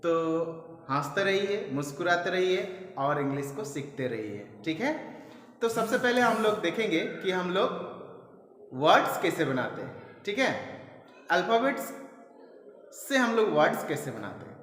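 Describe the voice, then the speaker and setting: A man's voice: high voice, sing-song, unhurried, fairly bright tone. A man teaching a classroom lesson step by step, asking questions and answering them himself, and spelling words out letter by letter. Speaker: English teacher. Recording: echoey room with long reverb.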